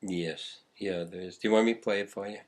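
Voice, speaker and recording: An older man talks in a fairly low voice. He rambles through his memories in an easy, conversational way, often chuckling. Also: fairly even intonation, fairly quick. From Boston, USA. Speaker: guest poet. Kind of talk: casual interview chat.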